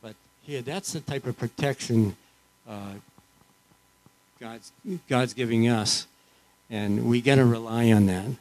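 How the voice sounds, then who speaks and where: Man, mellow voice, informal church testimony, earnest, halting, frequent restarts. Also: medium pitch, fairly even intonation, poor audio. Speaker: church member sharing.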